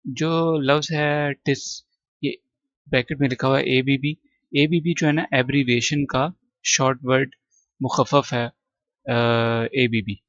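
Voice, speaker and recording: A man's voice: medium pitch, a bit bright, no echo, muffled recording. A male teacher giving a patient vocabulary lesson, repeating words and drilling their pronunciation. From Pakistan. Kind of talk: classroom lesson explaining vocabulary.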